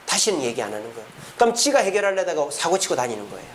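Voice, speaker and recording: A man's voice: a little high, big pitch swings, racing, a little hiss or hum. A middle-aged man preaching a sermon as pastor in a church, acting out the parents and children he quotes.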